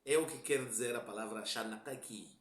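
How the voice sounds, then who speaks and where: A man's voice: medium pitch, fairly quick, fairly bright tone, roomy sound. A man with a Mozambican Portuguese accent giving a religious lesson, explaining step by step and often checking that listeners follow. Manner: explanatory, repeats points, asks "tá claro?". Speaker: religious teacher. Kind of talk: lecture explaining a hadith.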